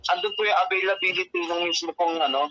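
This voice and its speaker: This man's voice sits high and has a sharp edge, moving fast with fairly even intonation over soft background music. Speaking with a Filipino accent as a courier's phone support agent, he repeats his explanations deferentially and keeps using polite forms of address. The call comes through a telephone mic, sounding dry, muffled and lo-fi.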